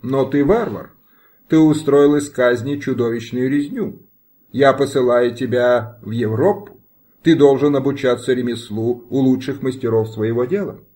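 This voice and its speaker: A man reading an audiobook, voicing a stern prince who speaks in a cold, measured way. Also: medium pitch, mellow, natural voice. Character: stern cold male prince passing judgment.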